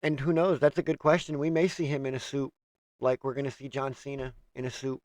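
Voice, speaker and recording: A man's voice: mid-range voice, flat delivery, a little fast, a little mellow, no echo. A man hosting a casual wrestling review, steadily running through a list of news items. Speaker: host.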